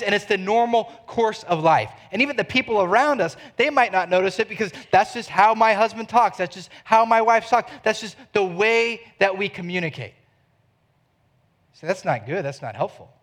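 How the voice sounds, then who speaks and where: A man's voice: high voice, fairly bright tone. A middle-aged man preaching a sermon in a church, earnest and conversational, asking the listeners questions. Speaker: pastor.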